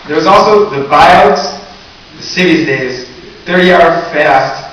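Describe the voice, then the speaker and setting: Taking it slowly, a teenage valedictorian with a fairly high, fairly bright voice gives his graduation speech, sincere with a joking edge. He's heard from far back in the audience in a big echoey hall or gym, with hiss on the recording.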